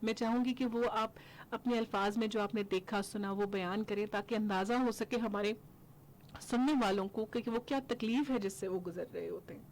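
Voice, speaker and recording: Young woman, radio host, mid-pitched voice, articulate and summarizing, faint background noise. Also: fairly even intonation, a little mellow. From Pakistan. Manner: articulate, summarizing, frequent affirmations. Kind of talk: radio interview. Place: radio studio.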